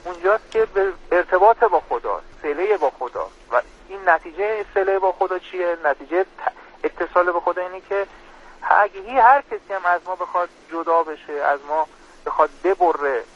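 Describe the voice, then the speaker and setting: Earnest man explaining a prayer, lo-fi. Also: high voice. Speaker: religious guest speaker. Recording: dull lo-fi radio sound.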